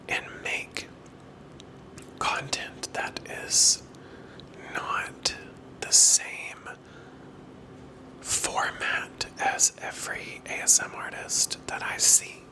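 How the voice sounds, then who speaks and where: An ASMR creator whispers very close to a wireless microphone in a casual, rambling and candid vlog chat, breathy and occasionally soft-spoken. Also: rough recording. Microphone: clip-on wireless microphone, held close.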